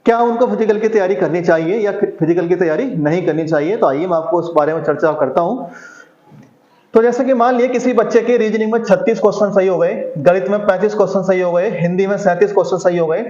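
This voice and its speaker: An exam coaching teacher runs a prep lesson, posing rhetorical questions to himself, answering them and repeating key figures. His voice sits high with a darkish tone and a quick pace, and the recording is echoey and dull, with lo-fi quality.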